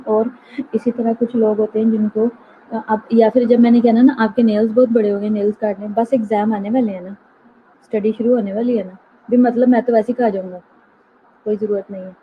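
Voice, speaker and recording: A woman teaching a nursing class online, explaining terms patiently and slowing down to read out English definitions. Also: fairly high pitch, little pitch movement. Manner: explanatory, mixes English terms, reads slowly from notes. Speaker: nursing lecturer. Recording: tinny phone-like line, faint noise.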